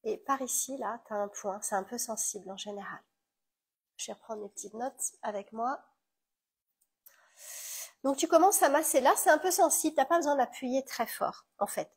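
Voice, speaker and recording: A woman with a French accent guiding a tapping session, gently coaching the listener through each step. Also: on the high side, moderate pace, long pauses, slightly rough. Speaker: EFT tapping guide.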